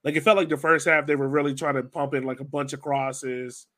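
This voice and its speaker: In a relaxed post-match soccer discussion, a male podcast host talks briskly and informally, working through his thoughts aloud. His voice is mid-range, slightly bright, and fairly flat in pitch.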